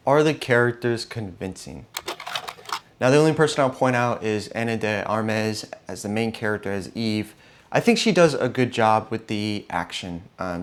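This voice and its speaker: A young man giving a frank, opinionated spoken movie review, with frequent fillers and restarts. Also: on the low side.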